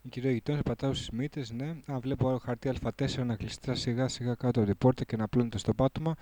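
A man's voice: mid-range voice, fairly even intonation, noisy background. A man reading his own surreal first-person story in a casual, slangy way, stopping to correct his lines. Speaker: performer recording a spoken piece.

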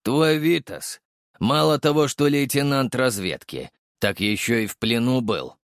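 A man's voice: medium pitch, expressive, measured pace, no room sound. A male audiobook reader voicing a wry, jaded middle-aged police captain who talks in a dry, knowing, matter-of-fact way. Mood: probing. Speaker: audiobook narrator voicing a character.

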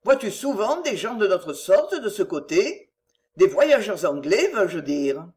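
A reader voicing a courteous English gentleman, posing as a lackey, speaking politely and firmly. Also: sits high, very animated, a little slow. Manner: courteous, sometimes gruff.

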